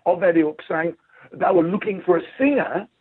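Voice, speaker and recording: A middle-aged man with a broad Australian accent and a husky voice, chatting casually and telling anecdotes as an animated interview guest. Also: sits high, normal speed, dry recording. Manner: animated storytelling, acts out quoted remarks. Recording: tinny phone-like line.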